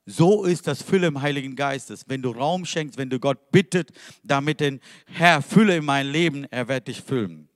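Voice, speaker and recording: A man's voice: mid-range voice, lively intonation, normal speed, clean studio sound. Man preaching in a reverberant hall. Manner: emphatic, questioning the listeners directly. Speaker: pastor. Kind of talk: sermon.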